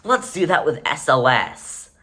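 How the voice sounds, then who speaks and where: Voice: medium pitch, very animated, unhurried, bright, forceful tone. A space enthusiast delivering an escalating comedic rant, sarcastic and exasperated, with dramatic emphasis on repeated words.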